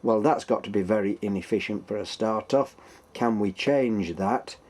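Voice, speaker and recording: Yorkshire man with a lowish voice. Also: moderate pace, a little mellow. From Yorkshire, England. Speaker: host of a workshop engineering channel. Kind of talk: casual explanatory tutorial.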